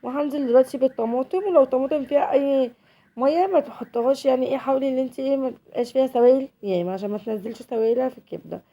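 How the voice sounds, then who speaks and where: An Egyptian woman who has a cold hosts her home cooking channel, chatting straight to viewers while she cooks, with an Egyptian Arabic accent. She talks rapid-fire in a high voice, and the high frequencies in the audio are cut off.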